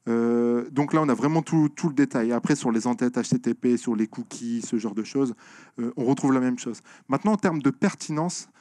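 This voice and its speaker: A man's voice: mid-range voice, moderate pace, warm tone, dry recording. Guy giving a talk, answering questions, lots of ums, dry mic. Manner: hesitant, many fillers and restarts, explanatory. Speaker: conference speaker on software security. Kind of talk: conference Q&A answers. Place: lecture room.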